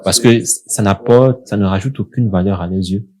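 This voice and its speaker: Young Cameroonian man, dark mellow voice. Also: lowish voice, normal speed. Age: young adult. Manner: lively storytelling, laughs often. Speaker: podcast co-host. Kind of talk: casual podcast conversation.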